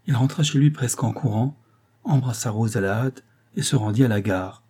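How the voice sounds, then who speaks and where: A man reading a classic novel aloud as an audiobook, in a measured, calm way. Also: medium pitch, breathy edge. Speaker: audiobook reader. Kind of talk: literary audiobook narration.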